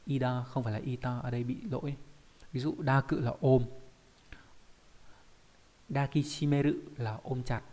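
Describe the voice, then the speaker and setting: A man's voice: mid-range voice, dark tone. A man with a Vietnamese accent teaching a Japanese kanji lesson online, explaining each character step by step and often checking in with his students.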